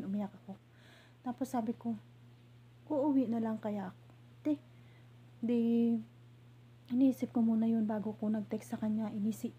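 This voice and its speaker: A woman from the Philippines telling a hurtful story from her job as a domestic helper, in a halting way with many restarts. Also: a little high, mellow, breathy edge, muffled recording. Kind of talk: emotional personal storytelling.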